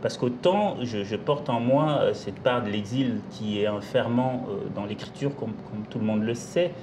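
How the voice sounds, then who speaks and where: A man from Congo, a novelist, answering interview questions in a measured, articulate way with some hesitations. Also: fairly low pitch, noisy background. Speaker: novelist guest.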